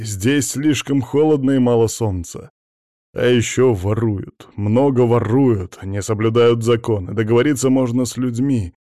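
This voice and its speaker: A man's voice: medium pitch, warm tone, dry recording, clean studio sound, lightly acted. A man reading an audiobook, voicing a short-tempered fighter husband who talks curtly and with irony. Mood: bitter. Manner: curt, ironic.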